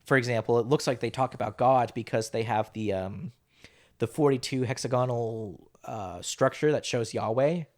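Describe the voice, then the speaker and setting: A man in casual podcast chat, talking in an animated, rambling way with frequent laughs. His voice sits at an ordinary middle pitch for a man. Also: moderate pace. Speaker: podcast host.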